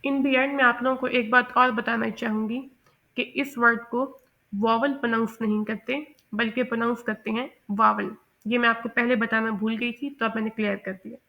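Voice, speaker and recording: A woman teaching English pronunciation in a methodical lesson, mixing English terms into Hindi and repeating example words slowly. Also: on the high side, fairly even intonation, creaky, dull audio. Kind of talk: explanatory lesson.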